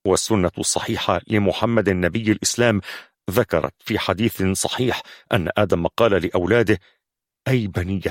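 A man's voice: low-pitched, brisk, no echo, clean studio sound. A man voicing an anxious young captive who stammers as he explains. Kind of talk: audiobook narration.

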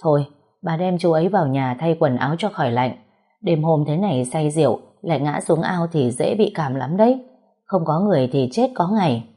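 A woman voicing a calm village neighbor giving advice, in a low husky voice. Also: brisk. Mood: advising.

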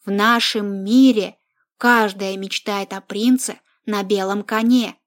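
A woman voicing a bossy, confident young woman who lectures her friends emphatically, in a slow audiobook reading. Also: mid-range voice, steady tone, lightly acted. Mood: assertive.

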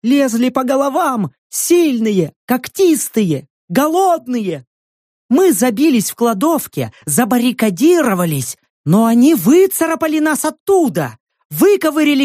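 Crazy old hag shrieking doom, super high, hollow almost machine-like voice. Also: female voice, darkish tone, no echo, clean studio sound, exaggerated voice. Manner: shrill wailing, half-mechanical hollow voice. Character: crazed ragged old woman, shrieking doom.

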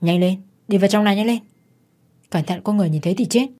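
A woman's voice: on the low side, expressive, rapid-fire, dark tone, slightly rough. A woman narrator voicing a callous, scheming man who urges and soothes in a told story. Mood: urgent, cold. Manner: urgent, pushy.

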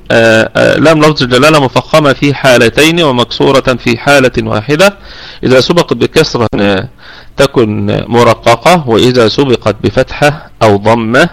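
A man with an Egyptian accent, teaching Quran recitation rules in an online lesson. He explains patiently, stretches out the words he demonstrates and fills pauses with drawn-out "aah" sounds. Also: mid-range voice, vocal fry, a bit bright, no room sound, low-quality recording. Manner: frequent drawn "aah" fillers between points.

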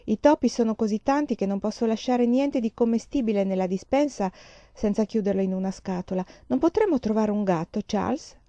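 A woman's voice: medium pitch, a little fast, dark tone, no echo, highs cut off, natural voice. A woman reading the part of a patient, practical pioneer mother in an audiobook, in her own voice.

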